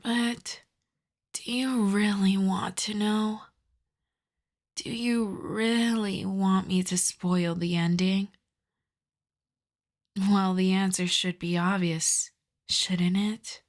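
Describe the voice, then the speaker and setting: A woman plays a possessive, seductive female vampire in an intimate ASMR roleplay, teasing softly and often slipping into a breathy half-whisper. Her medium-pitched voice lingers very slowly with fairly even intonation, and the mood is wistful and teasing.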